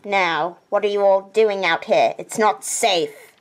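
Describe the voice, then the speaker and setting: Stuffy Smurf, played by a woman, lowered pitch, formal, polite, measured, slow, toy cartoon. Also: soft background music, lightly acted.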